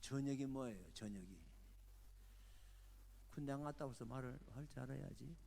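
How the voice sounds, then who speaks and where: An older pastor telling a dramatic testimony story in a sermon and acting out the characters. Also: male voice, mid-range voice, moderate pace, creaky, warm tone. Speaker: senior pastor. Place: church sanctuary. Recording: echoey church hall.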